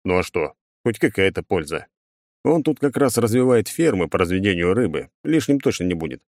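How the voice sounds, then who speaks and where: A man voicing an easygoing young nobleman who talks calmly and offhandedly on the phone. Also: sits low, fairly quick, no room sound, studio quality. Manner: calm, offhand, casual. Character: easygoing young nobleman friend, calm, laconic.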